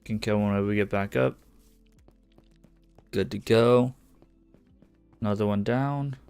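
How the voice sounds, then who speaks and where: Slow and gravelly, a man's low, slightly mellow voice comes through clear and resonant on a dry recording as he streams a survival game. He chats casually, mumbles to himself, and swears softly when things go wrong, over faint lofi music.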